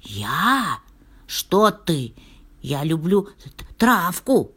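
A woman voicing a timid, gentle male donkey in a fairy tale, stammering and bewildered. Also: lowish voice, big pitch swings, very slow, breathy edge, full character voice.

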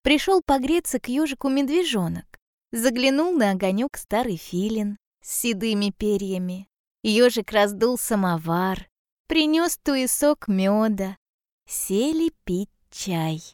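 A woman narrates a fairy tale in a calm, measured way, taking her time over every phrase. Her voice sits a little high, and the sound is close and dry. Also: no room sound. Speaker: storyteller.

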